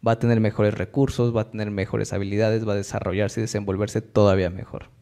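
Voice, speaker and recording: A man's voice: on the low side, little pitch movement, quick pace, gravelly, mellow. A man hosting a podcast interview, agreeing with his guest and asking follow-up questions. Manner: agreeable, asks follow-up questions, adds his own points. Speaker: podcast host.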